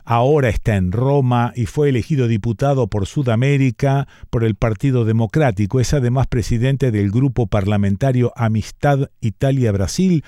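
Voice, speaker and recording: A man hosting an interview, speaking in a measured, conversational way. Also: mid-range voice, warm tone, no echo, clean studio sound. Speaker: radio host.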